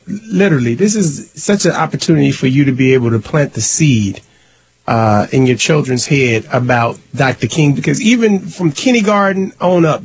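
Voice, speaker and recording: A man's voice: fairly high pitch, slight background noise. A man hosting a call-in radio talk show, speaking in an emphatic, impassioned way and repeating points for stress.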